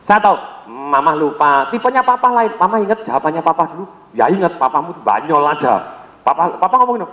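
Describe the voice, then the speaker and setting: High-voiced man lecturing in an echoey hall. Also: fairly quick, muffled recording. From Indonesia. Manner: energetic, repeats key words and quizzes the audience. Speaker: sales trainer. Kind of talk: seminar lecture to a live audience.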